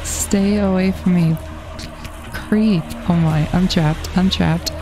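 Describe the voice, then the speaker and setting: A woman's voice: lowish voice, steady tone, takes it slowly. A woman commenting on her horror game playthrough, jittery and repeating panicked phrases to herself. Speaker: gaming channel host. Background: faint background music.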